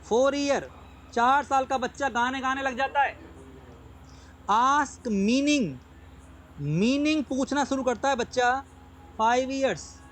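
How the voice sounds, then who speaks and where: Very high-pitched and delivered at normal speed, this male voice comes through a low-quality recording with a little background noise. In an online lecture, he repeats the main points, keeps checking that his students understand, and slips English terms into what he says.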